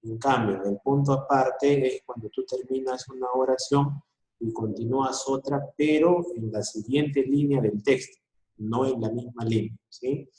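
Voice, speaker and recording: A man's voice: medium pitch, measured pace, dark tone, roomy sound, rough recording. A male school teacher giving a recorded online class, explaining patiently and often checking in with short questions.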